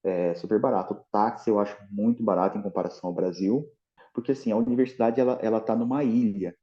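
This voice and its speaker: A man's voice: lowish voice, fast talker, dull audio. A Brazilian man with a Brazilian Portuguese accent, a guest in a casual interview, explaining at length with many restarts and fillers.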